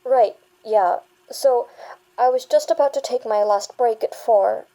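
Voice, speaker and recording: In an audio drama, a woman plays a young female bank worker giving a witness statement, her fairly high, soft-edged voice carrying a slightly dark tone. She stammers and halts but stays defensive and insistent, sounding shaken. The recording is rough.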